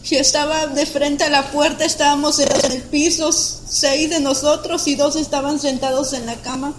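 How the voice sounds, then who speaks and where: A young woman with a Mexican accent gives a halting witness testimony about an attack, frequently breaking off and starting her sentences over. Her voice is high and level, and the low-quality recording has slight background noise.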